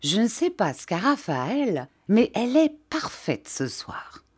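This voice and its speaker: A woman's voice: medium pitch, extremely slow, dark tone, no echo, studio quality. Hearty townsman in an audiobook, exclaiming cheerfully, read by a woman.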